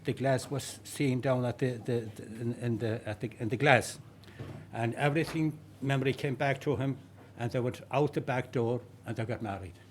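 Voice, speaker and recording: A man's voice: mid-range voice, normal speed, a little hiss or hum. Lilting Connemara Irish storyteller, a man. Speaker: traditional sean-nós singer. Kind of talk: informal oral storytelling before a song.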